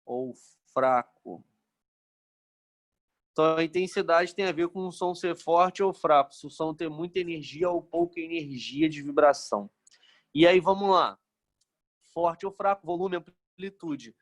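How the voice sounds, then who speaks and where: A man's voice: fairly high pitch, a little slow, long pauses. A man from Brazil, teaching a physics lesson in a casual, joking way and checking in with the class after nearly every phrase.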